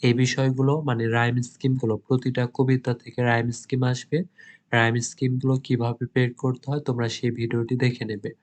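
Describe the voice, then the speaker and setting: Bangladeshi man tutoring in a flat monotone. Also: mid-range voice. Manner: reads English lines slowly, then translates into Bengali. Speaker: English literature tutor. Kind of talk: exam-prep lesson, reading notes aloud.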